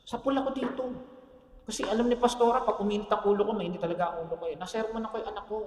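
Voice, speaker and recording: A man with a Filipino accent preaching a sermon, mixing Tagalog and English and asking the congregation "Amen?", sometimes dropping to a soft low voice and then pressing a point loudly. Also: fairly even intonation, rapid-fire, slight background noise. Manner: swings between soft low storytelling and loud emphatic points. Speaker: pastor. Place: church hall. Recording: roomy, echoey church hall.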